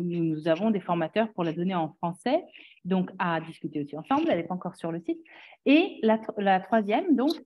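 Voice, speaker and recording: A woman with a mid-range voice presents training programmes in an informal way. She hesitates and reformulates as she talks. The recording is somewhat dull and limited in detail. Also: medium pitch. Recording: dull, band-limited sound.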